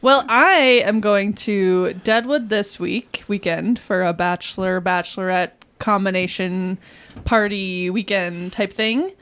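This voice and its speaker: A woman co-hosting a podcast, telling stories in a giggly, animated way. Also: mid-range voice, slow, clean tone. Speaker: podcast co-host. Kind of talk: casual chat.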